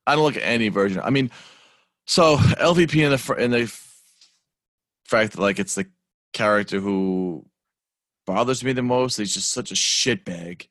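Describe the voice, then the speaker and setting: Low-voiced man in a dry, close recording. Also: moderate pace, pauses often, fairly bright tone, dry recording. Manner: blunt, rambling, frequent fillers. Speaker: podcast co-host. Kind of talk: casual movie review chat.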